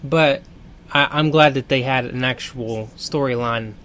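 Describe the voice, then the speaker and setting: A man's voice: medium pitch, measured pace, a bit bright. A young man co-hosting a wrestling podcast, talking with enthusiasm in casual chat. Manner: enthusiastic, picks match of the week. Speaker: podcast co-host.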